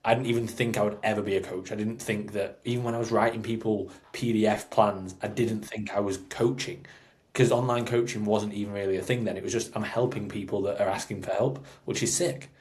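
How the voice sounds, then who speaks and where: A man's voice: on the low side, steady tone, a little fast, darkish tone. A man, a fitness coach co-hosting a podcast, talking earnestly and reflectively in casual chat.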